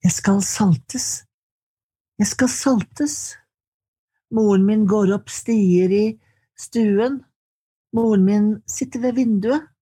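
A woman reading her poetry aloud in slow, measured lines, then answering questions in conversation. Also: medium pitch, warm tone, slightly rough. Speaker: poet and guest.

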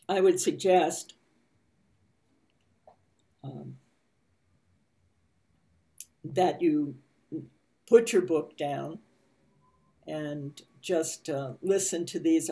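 A woman leading a spiritual study group, gently reading and teaching with pauses and soft fillers. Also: deep voice. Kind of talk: slow meditative reading and teaching.

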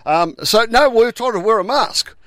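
A man's voice: extremely high pitch, lively intonation, normal speed, a bit bright, no echo. Blokey Australian man co-hosting, close dry sound. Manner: blokey, colloquial banter. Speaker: radio show co-host. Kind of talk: casual chat.

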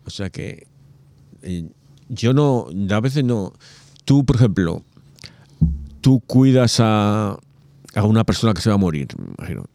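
A man's voice: on the low side, slow pace, long pauses, no echo. A man in a casual religious conversation, talking animatedly and acting out quoted voices. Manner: animated, acts out quoted voices, many asides.

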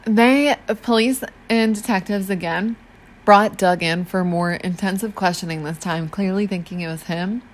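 Chatty woman narrating a true crime case. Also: mid-range voice. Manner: chatty, slangy, acts out police in quick asides. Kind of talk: casual storytelling chat.

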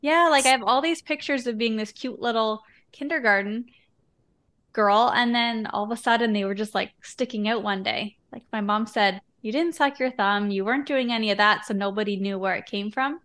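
A woman hosts a podcast, chatting candidly and casually in a reflective, informal interview. Her voice is a little high and a bit bright, at a moderate pace.

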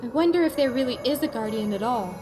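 A man's voice: very high voice, lively intonation, fast, pitched above the performer's own voice. A man voicing a cool, stubborn young woman. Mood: wary. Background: music.

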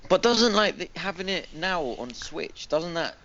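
A man's voice: fairly high pitch, expressive, unhurried, a bit bright. A man co-hosting a podcast, casually chatting about games in a questioning, teasing way. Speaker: podcast co-host. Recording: dull lo-fi podcast audio.

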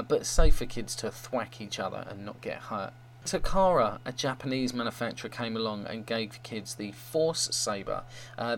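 A man presents an informal fan report as the show's host. His voice is mid-pitched for a man. A faint hum and some light noise sit in the recording.

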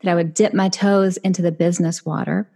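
A woman author and business coach talking casually in an interview, chatty and animated, jumping into high voices for quoted thoughts. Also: fairly quick, creaky.

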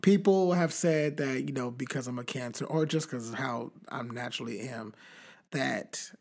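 A young adult man co-hosting a podcast, talking in a rambling, animated way with many fillers and restarts. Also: medium pitch, moderate pace. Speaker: podcast co-host. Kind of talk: casual chat.

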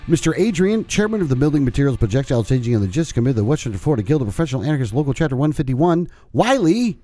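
A man's voice: mid-range voice, big pitch swings, racing, mellow, no room sound. American man co-hosting, dry close sound. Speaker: podcast co-host. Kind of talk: casual chat.

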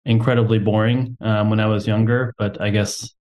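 A man's voice: fairly low pitch, little pitch movement, moderate pace, darkish tone. A young man from Texas, a company co-founder, talking casually as a podcast guest with lots of "um"s and a self-deprecating humor. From Texas, USA.

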